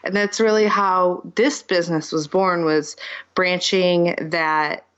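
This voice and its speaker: A woman guest on a podcast telling her story in a relaxed, chatty way. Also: fairly low pitch, slow pace, clear, resonant tone. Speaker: podcast guest, marketing strategist. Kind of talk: casual interview conversation. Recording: dull lo-fi remote audio.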